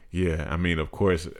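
A man in his thirties co-hosting a podcast, talking in a measured, reflective, casual way. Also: extremely low pitch. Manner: measured, reflective, practical-minded. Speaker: podcast co-host. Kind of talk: casual chat.

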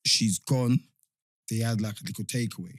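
A man's voice: on the low side, moderate pace, dry recording. A man with a London roadman accent chatting casually in slang, telling stories on a close mic and often repeating himself to check you follow. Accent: London roadman, multicultural urban slang. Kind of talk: casual chat, slangy storytelling.

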